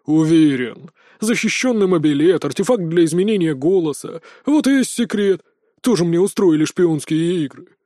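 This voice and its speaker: A man voicing a hot-tempered, arrogant male governor who blusters and shouts in an audiobook. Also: a little high, expressive, moderate pace, no echo, clean studio sound, natural voice. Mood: shouting.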